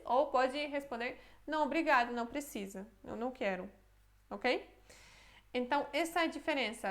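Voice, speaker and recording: A woman teaching a language lesson to camera, patiently repeating examples and checking that viewers follow. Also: sits high. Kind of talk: explaining a grammar lesson to camera.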